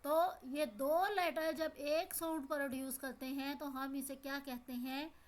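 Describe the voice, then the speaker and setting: A woman's voice: high voice, steady tone, measured pace. A woman with a Pakistani Urdu accent, explaining an English lesson to young pupils. She asks the class questions and repeats each word. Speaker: teacher.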